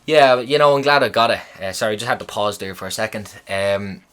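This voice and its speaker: A man's voice: on the low side, brisk, clear, resonant tone. A young man casually telling a story on his podcast, swearing freely and acting out what people said. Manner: profane, animated retelling of a hospital visit. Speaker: podcast host.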